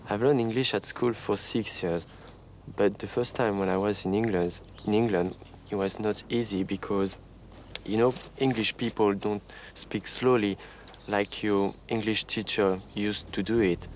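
A French-accented man with a lowish voice speaking English in a halting way, pausing as he searches for words. Faint ambience can be heard behind him. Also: steady tone, slight background noise. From France. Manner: halting, with pauses. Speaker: English learner.

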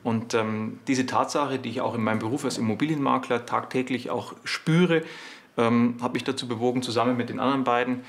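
A man's voice: medium pitch, steady tone, fairly quick, creaky. A man who works as an estate agent, speaking hesitantly with fillers in an interview. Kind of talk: interview statement.

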